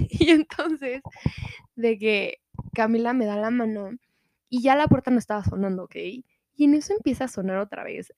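A young woman with a Mexican Spanish accent tells a story in casual, slangy podcast chat. Her voice sits a little high and lively. The sound is close and dry, with no room around it. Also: no echo. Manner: animated, slangy, acts out quotes. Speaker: podcast co-host.

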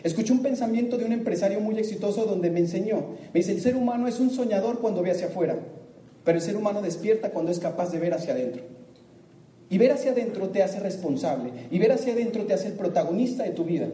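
High-voiced man addressing a crowd. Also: expressive, quick pace, mellow, recorded from a distance. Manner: asks the audience questions, acts out their answers, laughs often. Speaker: motivational speaker. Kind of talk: live talk to an audience. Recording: echoey room with faint ambience.

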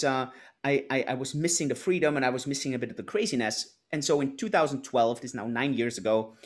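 A man in his thirties from Austria, a guest answering interview questions on a video call, talking conversationally with lots of fillers and restarts. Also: medium pitch. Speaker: guest, entrepreneur.

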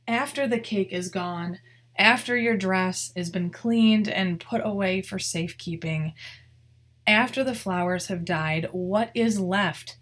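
A woman's voice: medium pitch, measured pace, fairly bright tone. A young adult woman hosting her own podcast as a wedding photographer, talking straight to her listeners in a heartfelt, earnest way. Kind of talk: solo podcast monologue.

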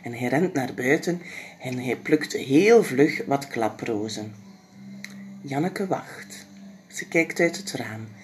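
A woman reading a children's story aloud, expressive and sometimes dropping into soft whispers. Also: rumbling low, slow pace, a little hiss or hum.

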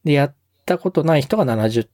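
A man co-hosting a casual podcast, polite and a little hesitant, pausing on fillers. His voice is mellow and dark but moves lively in pitch. The sound is dry and close. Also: no echo. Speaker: podcast co-host.

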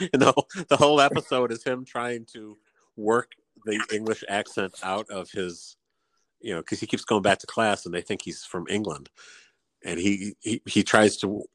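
A man's voice: fairly low pitch, a bit bright, no echo. A man in casual chat, telling stories and laughing often. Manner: chatty storyteller, laughs often.

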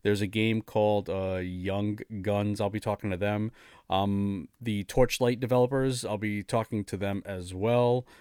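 A man chats eagerly about games as a podcast co-host, now and then stumbling over names. His voice sits a bit low, recorded dry and close. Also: steady tone, measured pace, darkish tone, smooth, no room sound. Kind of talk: casual chat.

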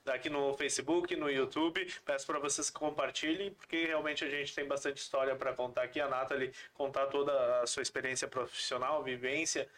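A man's voice: mid-range voice, steady tone, fairly quick, hardly any pauses, a bit bright. A man with a southern Brazilian accent co-hosting a live show in a casual way. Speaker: podcast co-host.

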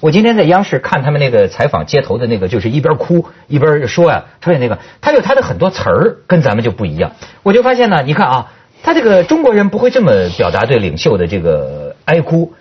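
Husky chatty talk-show host. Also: male voice, fairly high pitch, huge pitch swings, quick pace, lo-fi sound. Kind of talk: casual panel chat.

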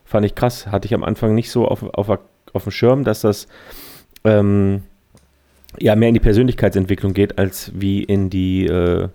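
A man's voice: fairly low pitch, fairly even intonation, moderate pace, warm tone. A man talking as a podcast guest about his speaker training, rambling with many fillers. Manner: rambling, many fillers, laughs while reading aloud. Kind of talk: casual chat.

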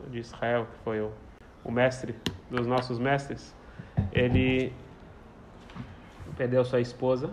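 A man teaching a prayer text to a small group, explaining and telling stories, often repeating his phrases. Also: medium pitch. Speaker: Torah teacher. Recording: slightly dull, faint background noise.

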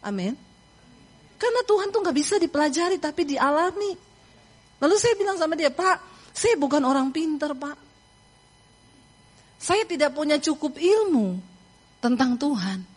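A woman's voice: high voice, lively intonation, normal speed, long pauses. A middle-aged woman from Indonesia preaching a sermon, telling a story with laughter and acting out voices.

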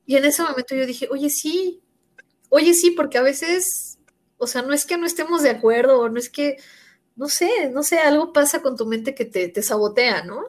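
A woman's voice: high-pitched, moderate pace. A woman in her thirties with a Mexican accent, chatting casually and telling personal stories, acting out what others said. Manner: animated storyteller acting out quoted voices. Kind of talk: casual chat.

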